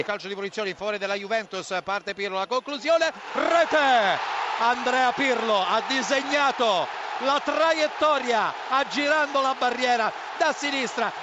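Telecronista uomo concitato e senza fiato, voce altissima. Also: male voice, extremely high pitch, lo-fi sound. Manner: breathless, shouted, drawn-out goal calls. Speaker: football commentator. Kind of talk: Italian live goal commentary. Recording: noisy stadium feed with loud crowd. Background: stadium crowd noise.

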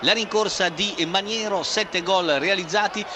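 A man's voice: high voice, measured pace. A man as a football correspondent giving emphatic live commentary and precise, formal score updates. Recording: noisy stadium line, loud crowd.

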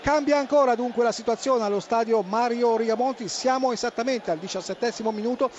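A man giving live football goal commentary, excited and emphatic, shouting the goal calls. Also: very high-pitched, quick pace. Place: football stadium. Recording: dull, slightly noisy broadcast feed.

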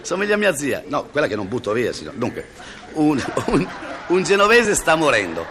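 A man's voice: wildly swooping pitch, fairly quick, background noise. A man telling jokes live to an audience, laughing at his own punchlines, stumbling and restarting, and switching into voices for the characters. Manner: acts out characters with sudden high and low voices. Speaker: joke teller. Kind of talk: live comic joke telling.

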